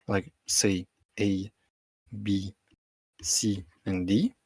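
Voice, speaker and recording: A man explaining computer science over a video call that comes through glitchy and warbling. He talks haltingly, with many ums and restarts. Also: fairly low pitch, no echo. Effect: glitchy, warbling video-call audio. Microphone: computer mic on an online call.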